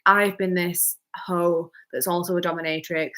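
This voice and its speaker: A woman's voice: lowish voice, flat delivery, normal speed, bright, forceful tone. A young woman, a little tipsy, chatting bluntly and teasingly as co-host. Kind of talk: casual chat.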